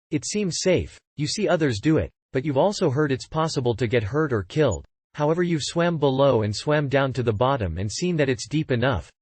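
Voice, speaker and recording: A man's voice: mid-range voice, a little mellow, breathy edge, no room sound. A man reading a scripted first-person story in descriptive, literary phrasing. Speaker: storyteller recounting a personal experience.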